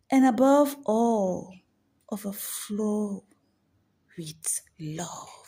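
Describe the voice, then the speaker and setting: A woman narrating a story in a soft, solemn, half-whispered voice. Her tone is husky and mellow, and she takes her time, moving through each line very slowly. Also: medium pitch. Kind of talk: scripted narration of an emotional story.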